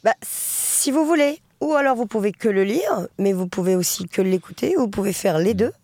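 A woman singer and author talking casually in an interview, chatty and lively, with many fillers and restarts, and a French Traveller community accent. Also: mid-range voice, moderate pace, dry recording.

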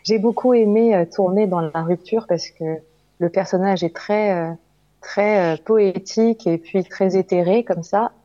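A woman actress answers interview questions in a chatty, unhurried way, pausing often to search for words. Her voice is mellow and dark. The sound is dull and lo-fi. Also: medium pitch. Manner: chatty and warm, many hesitations. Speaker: actress and voice actor guest.

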